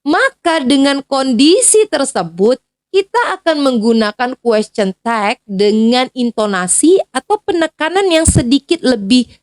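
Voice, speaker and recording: A woman from Indonesia teaching an English grammar lesson in a casual, chatty way, with fillers and quick self-corrections. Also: fairly high pitch, a little mellow, dry recording. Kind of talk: explanatory lesson to students.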